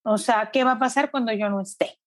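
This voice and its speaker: A woman's voice: on the high side, no echo. Earnest middle-aged mother, dry close sound. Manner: reflective, earnest, often slows down. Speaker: interviewee, mother. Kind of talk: emotional personal testimony.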